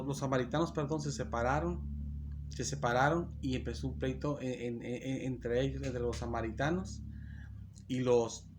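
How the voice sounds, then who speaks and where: A man's voice: mid-range voice, background noise. A man preaching a sermon in a church, reading Bible verses aloud and explaining them, often restarting and correcting himself. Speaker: pastor.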